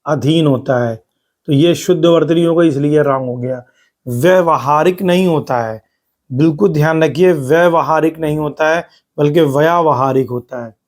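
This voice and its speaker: A man teaching exam spelling over slides, who repeats words slowly for stress and explains step by step. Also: on the high side. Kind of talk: spoken lesson over slides.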